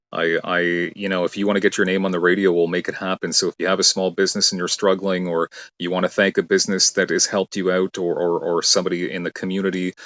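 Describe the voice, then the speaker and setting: A man's voice: low-pitched, fairly bright tone, muffled recording. A man from Canada, a radio host and ring announcer, chatting eagerly in an interview from a studio, with many fillers and restarts. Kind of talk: casual interview chat.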